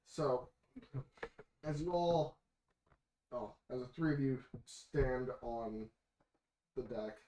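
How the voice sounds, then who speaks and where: A man narrating as game master of a tabletop game in a relaxed, joking way. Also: medium pitch, slow pace, long pauses. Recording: echoey room, faint noise.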